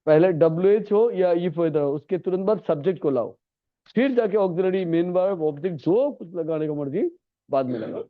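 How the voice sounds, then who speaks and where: A man with a high, voice teaches grammar in a classroom. He coaxes his students and repeats every point. The sound is thin and tinny, as if it came over a phone line. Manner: coaxing, repetitive, calls students "beta". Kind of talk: classroom lesson.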